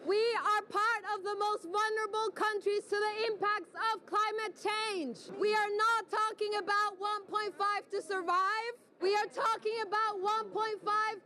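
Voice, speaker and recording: A woman's voice: very high voice, steady tone, bright, forceful tone. A young woman from Peru giving an impassioned protest speech into a handheld mic in a crowded conference hall. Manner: impassioned, measured delivery. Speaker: activist speaker.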